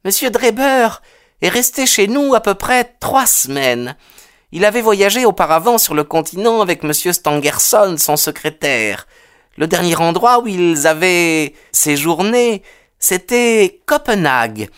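An anxious widowed landlady, as an audiobook reader puts her on, pleading in a voice pitched well above the narration. She is earnest and agitated, and her lines swing up and down with lively emphasis. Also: measured pace, clean tone. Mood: indignant. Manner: high, earnest and agitated, sighing.

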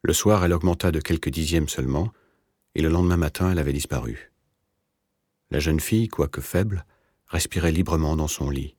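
A man narrating a novel in a measured, literary reading. His voice is extremely deep and husky, recorded dry and close with no room sound. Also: darkish tone, no room sound. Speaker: audiobook narrator.

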